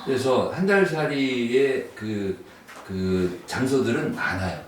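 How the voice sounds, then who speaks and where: Unhurried man, roomy far-off sound. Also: mid-range voice, animated. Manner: unhurried, thinks aloud with fillers. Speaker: guest author. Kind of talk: relaxed conversational explanation. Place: book cafe. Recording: roomy distant sound, faint noise.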